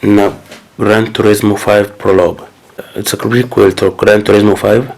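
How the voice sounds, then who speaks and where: Speaking at a normal pace in a lowish, creaky, darkish voice, a man with a cold flatly narrates his new game collection for his gaming channel. The unboxing talk is casual and hesitant, full of fillers and restarts.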